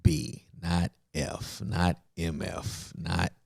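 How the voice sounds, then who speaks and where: A man's voice: low voice, extremely slow, gravelly, no echo, studio quality. A male pastor telling stories in a casual, emphatic podcast conversation. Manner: storytelling, emphatic, laughs often.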